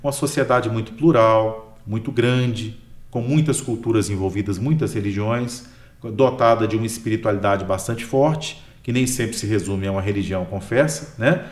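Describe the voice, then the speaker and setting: Speaking at a normal pace in a fairly low voice, a Brazilian Portuguese-accented man explains his history professorship in an easygoing interview. He keeps asking "né?" at the end of most of his sentences. The sound is echoey, as if in a large room.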